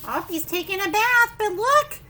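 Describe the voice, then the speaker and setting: A very high-voiced female teacher reads to little kids at normal speed, her lively story time lilting and exclamatory, often asking them questions. There's a slight hiss or hum.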